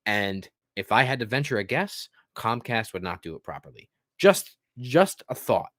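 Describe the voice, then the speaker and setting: A man's voice: mid-range voice, sing-song, moderate pace, a bit bright, no echo, studio quality. A man co-hosting a casual gaming podcast, talking loosely and profanely with a sardonic edge, half reading from a script. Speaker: podcast co-host.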